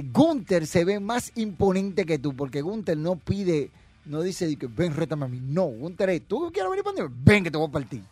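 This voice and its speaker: A man with a slightly high, somewhat mellow voice hosts a wrestling podcast, reading viewer comments and offering brash, mocking, opinionated commentary in a casual way.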